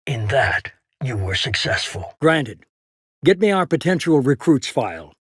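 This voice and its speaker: A shadowy game mastermind in middle age, with a husky voice that swings widely in pitch. He is cold and calculating, giving orders with deliberate authority. The sound is close and dry. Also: sing-song, a bit bright, no room sound, full character voice. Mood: cool, authoritative. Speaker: head of a secret organisation. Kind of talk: dramatic video game voice acting.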